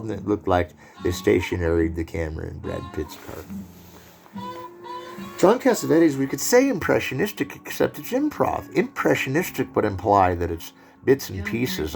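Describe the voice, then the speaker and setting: A man's voice: lowish voice, gravelly. A man giving a rambling film lecture, full of digressions and joking asides.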